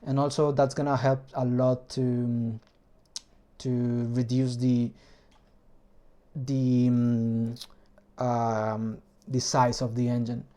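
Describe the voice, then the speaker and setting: In a vlog about building a hobby engine, a man with a Spanish accent, whose first language is Spanish, explains casually and often pauses while reaching for words in his second language. His voice is mid-range and mellow, with flat delivery.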